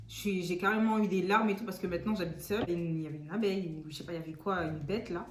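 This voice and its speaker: A woman in her early twenties, chatting casually and laughing as a co-host, in a relaxed, slangy way. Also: fairly low pitch, very fast. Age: 20s. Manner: laid-back, laughing, slangy. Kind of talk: casual chat. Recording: echoey room with faint music.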